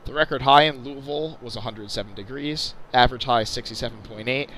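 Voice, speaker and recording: A man's voice: mid-range voice, a little fast, pushed and bright, a little hiss or hum. A man giving casual, chatty commentary over flight-sim gameplay, stumbling and correcting himself with jokey asides. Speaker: channel host.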